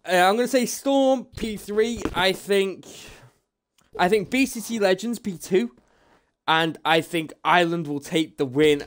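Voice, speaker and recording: A man's voice: sits high, fairly bright tone. A man commentating a sim-racing league broadcast live, chatty and upbeat, running through the grid.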